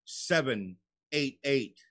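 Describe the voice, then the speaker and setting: A man's voice: mid-range voice, expressive, takes it slowly, fairly bright tone, no echo. A man hosting a radio show in casual, slangy, buddy-like chat, often calling people bro.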